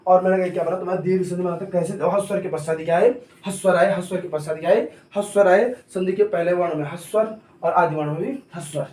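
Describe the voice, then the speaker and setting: A man's voice: sits high, steady tone, racing, darkish tone. A male coaching teacher giving a classroom grammar lesson, repeatedly asking a question and then answering it himself, and noting that he talks hurriedly. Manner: repetitive call-and-answer questioning. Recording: roomy echo, mic at a distance.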